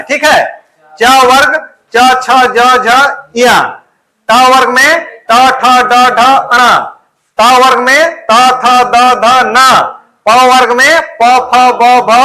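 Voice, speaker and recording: High, bright-voiced male teacher. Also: poor audio. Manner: quizzes listeners with questions, then answers them himself; keeps checking in with "okay". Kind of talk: classroom grammar lesson.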